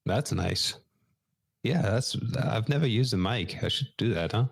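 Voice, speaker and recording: A man's voice: lowish voice, lively intonation, measured pace, creaky, slightly rough, no room sound. A man with a French accent co-hosting a podcast, methodically explaining practical steps in a casual technical chat. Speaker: podcast co-host.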